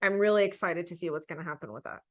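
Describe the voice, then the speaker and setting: A woman's voice: lowish voice, very fast, a bit bright. A woman talking as a podcast guest, telling personal stories in an earnest, emphatic, conversational way.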